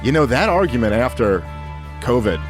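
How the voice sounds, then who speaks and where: A man's voice: mid-range voice, very animated, normal speed. A man giving casual political commentary in an informal, conversational way. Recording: music laid under conversation.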